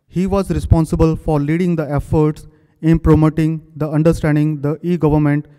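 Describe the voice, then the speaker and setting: At a podium microphone in a large conference hall with long reverb, a man hosts a technical talk and introduces the guest speaker. His voice is a little high, warm, clear and resonant, and he formally reads out the speaker's credentials in short phrases.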